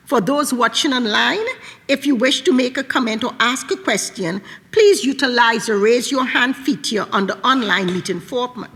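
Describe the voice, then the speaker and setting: A woman chairing a public meeting in a measured, formal way, sometimes repeating her phrases. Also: a little high, a bit bright. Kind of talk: formal meeting remarks and procedure. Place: large indoor meeting room. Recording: echoey meeting hall with long reverb.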